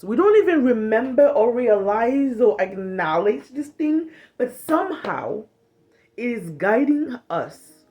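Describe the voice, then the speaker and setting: An animated vlogger in her thirties from Cameroon talks casually about trauma healing straight to her phone camera in a small bedroom, frank and blunt, swearing freely and sometimes acting out short quoted lines in other voices. Her voice is a little high with the highs cut off, and the sound is close and casual, like a phone held at arm's length.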